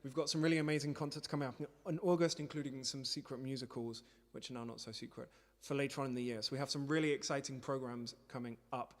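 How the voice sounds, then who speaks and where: A man with a steady, mid-range voice talks fast with few pauses while hosting a livestreamed living room concert. Between songs he chats casually with online viewers and organises his fellow musicians.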